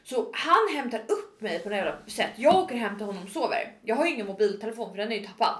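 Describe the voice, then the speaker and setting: A woman's voice: mid-range voice, reverberant. A woman in her twenties, swearing freely and acting out quotes as she tells a story in casual chat. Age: 20s. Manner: animated, swearing, acts out quotes.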